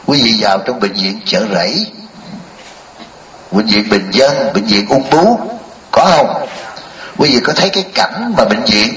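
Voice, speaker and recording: A man's voice: medium pitch, a bit bright, a little hiss or hum. A man, a Buddhist monk giving a folksy, joking sermon and firing rhetorical questions at a live audience. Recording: echoey hall, mic at a distance.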